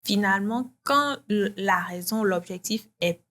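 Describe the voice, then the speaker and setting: Slow, calm woman from Benin. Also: medium pitch. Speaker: guest, entrepreneur. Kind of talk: casual interview conversation.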